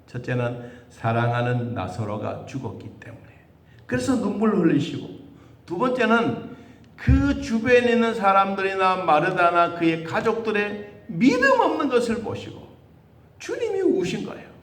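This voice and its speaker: A man preaching a sermon as pastor, asking rhetorical questions and acting out the voices he quotes. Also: moderate pace. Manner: animated, with sudden high jumps in pitch and rhetorical questions. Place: church sanctuary. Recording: echoey church hall.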